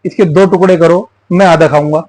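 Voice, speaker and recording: A man's voice: fairly high pitch, fairly even intonation, brisk, a little mellow, no echo, lightly acted, low-quality recording. A man voicing a stubborn, sly village boy with whiny, insistent refusals in a folk tale.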